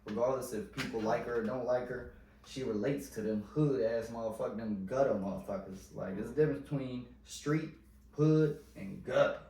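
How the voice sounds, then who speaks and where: This man hosts a podcast in a loose, meandering way, heavy on slang and filler, repeatedly trailing off and beginning again. He speaks at a moderate pace in a mellow mid-range voice; the room sound is noticeable, the mic distant, and there's faint noise.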